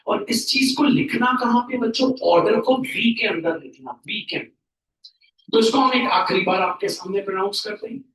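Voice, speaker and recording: A male tutor teaching a math class, speaking slowly and repeating key terms for his pupils, with a mix. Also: very high voice, a bit bright. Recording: roomy classroom, mic at a distance.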